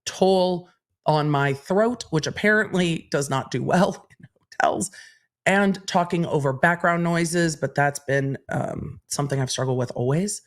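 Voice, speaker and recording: A woman with a low, unhurried voice hosts a legal commentary livestream. She chats candidly, reads out viewer questions, and answers them in an even, explanatory way.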